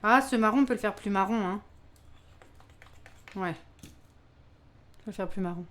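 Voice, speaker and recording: A woman chats her way through a live baking stream, talking straight to her viewers. Her voice sits at an ordinary mid pitch, and her delivery is loose and exclamatory, sprinkled with frequent laughs. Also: unhurried. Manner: chatty, exclamatory, laughs often, talks to chat. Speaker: live-stream cooking host. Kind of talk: casual live-stream chat while baking.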